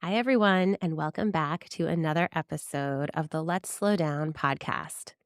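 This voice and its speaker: Podcast host, woman, deep voice, upbeat and enthusiastic, dry close sound. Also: normal speed, no room sound, soft background music. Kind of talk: scripted intro and casual interview.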